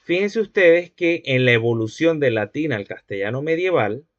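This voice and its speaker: A man teaching a university phonology class, patient and repetitive, often pausing to check that students follow. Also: medium pitch, expressive, no echo. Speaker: linguistics teacher. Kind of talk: university lecture. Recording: dry, dull lo-fi recording.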